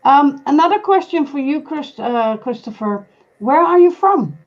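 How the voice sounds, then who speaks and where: A woman's voice: sits high, lively intonation, a little slow, muffled recording. A woman hosting a casual live-stream chat over a video call, asking guests questions and advising viewers. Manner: guiding, asks questions, gives advice to viewers.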